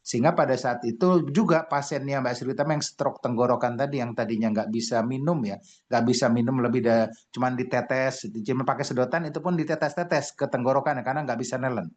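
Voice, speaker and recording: A man's voice: mid-range voice, steady tone, fairly quick. Man presenting slides, lots of "ya". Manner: frequent "ya" tags, restarts, acted shouted quotes. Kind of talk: motivational product talk with slides.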